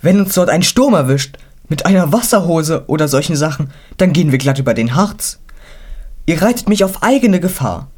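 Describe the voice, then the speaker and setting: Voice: medium pitch, very animated, moderate pace, darkish tone, slightly rough, pitched above the performer's own voice. A reader doing a fretful talking horse. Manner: worried, politely fussy. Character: anxious, fussy talking horse.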